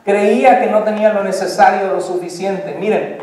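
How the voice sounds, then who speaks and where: Pastor guy preaching, higher voice, mic far off, really echoey church. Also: moderate pace. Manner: lively preaching that speaks straight to the congregation. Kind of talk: sermon. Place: church sanctuary.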